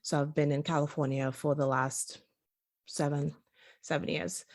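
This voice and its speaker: Low, gravelly-voiced woman guest. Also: flat delivery, moderate pace, darkish tone. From Trinidad and Tobago. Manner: chatty, laughs often, many fillers. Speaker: guest physician. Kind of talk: casual interview conversation.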